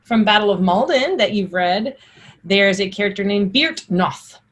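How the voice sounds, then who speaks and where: Female instructor, Old English pronunciation lesson; slightly raspy mid voice, informal explainer who clearly models each archaic word. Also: mid-range voice, animated, a little slow. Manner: informal, explanatory, enunciates examples. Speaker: teacher. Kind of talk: spoken pronunciation lesson with Old English words sounded out and recited.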